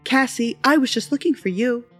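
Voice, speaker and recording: A graceful, composed dorm mistress, voiced by a male storyteller, gentle and reassuring. Her voice is lifted high above his own. Faint music plays underneath. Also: normal speed. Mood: gently reassuring.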